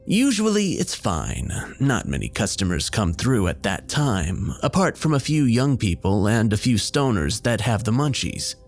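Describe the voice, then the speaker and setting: A man reads a scary story in a lowish, expressive voice that rises and falls a lot. He keeps a measured storyteller's pace, with faint music playing underneath. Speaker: horror story narrator. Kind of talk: scripted narration.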